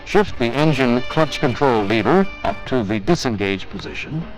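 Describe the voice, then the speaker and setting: A man reads scripted instructional narration for a 1980s training film, formal and methodical, step by step. His mid-range voice is sing-song at normal speed, and the rough soundtrack has music.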